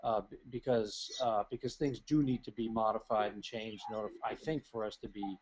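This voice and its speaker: A man giving feedback as an academic thesis advisor, measured and halting, repeating phrases for emphasis. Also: on the low side, fairly even intonation, darkish tone. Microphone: remote call. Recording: dull call audio with noticeable noise.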